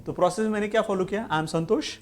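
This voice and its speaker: A young Indian man with a higher-pitched voice leads a class in English practice. He switches between Hindi, Marathi and English and slows down to spell out each phrase for the students to repeat. His tone is that of a coach drilling his class. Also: a little hiss or hum. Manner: speaks slowly and deliberately when modeling English, has the class repeat after him.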